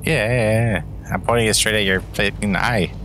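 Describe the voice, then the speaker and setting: A man's voice: fairly low pitch, fairly even intonation, moderate pace, fairly bright tone, slight background noise. A man joking and teasing his friends while they play a game together. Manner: teasing, joking, mock threats. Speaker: gamer. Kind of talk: casual gaming banter over voice chat.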